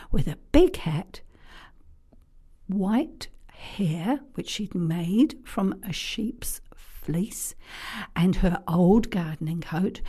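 A woman telling stories for children, in a hushed, whispery and animated way. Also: on the low side, slightly rough. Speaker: storyteller.

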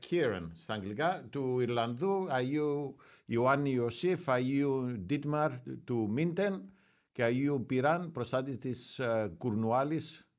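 A man hosting a morning radio show, rambling and halting as he reads out a list of saints' days. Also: medium pitch, expressive, darkish tone. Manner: rambling, hesitant, halting over names. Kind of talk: casual radio chat.

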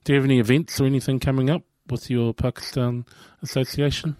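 A man's voice: medium pitch, fairly even intonation, fast, a little mellow, no room sound. A man hosting a community radio interview in a studio, friendly, with frequent short backchannel replies. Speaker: radio host.

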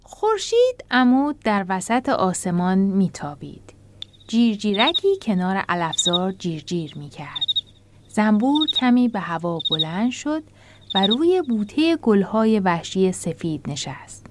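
A woman hosts a children's radio program and narrates a gentle animal story. Her middle-pitched voice moves in a lively, animated way. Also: heavy background noise. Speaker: radio show host and narrator.

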